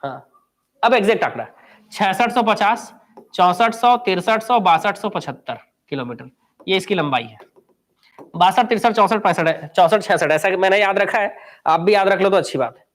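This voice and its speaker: A high-pitched man leads a live online exam-coaching class with lively intonation and a fairly bright tone. He keeps things chatty, firing quick questions at students and then answering them himself.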